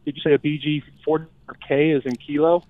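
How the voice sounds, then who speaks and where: A man's voice: fairly high pitch, flat delivery, brisk, dry recording. A man calling a radio show on his phone while driving, with the reception breaking up, chatting in an easygoing way. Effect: phone call from a moving car, reception breaking up. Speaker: caller. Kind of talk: casual call-in chat. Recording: tinny phone line, dry.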